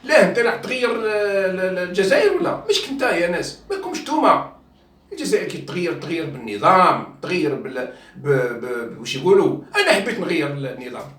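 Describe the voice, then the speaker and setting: A man's voice: high-pitched, sing-song, fast talker, fairly bright tone, roomy sound, recorded from a distance. A man journalist with an Algerian Arabic accent gives impassioned video commentary, appealing to viewers, swearing oaths and stumbling over repeated words.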